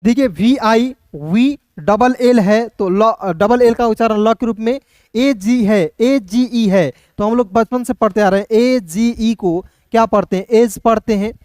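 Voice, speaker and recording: A man's voice: sits high, fairly even intonation, normal speed, darkish tone, no echo, clean studio sound. Repetitive male tutor. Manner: repetitive, asks and answers his own questions. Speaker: English teacher. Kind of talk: beginner phonics lesson.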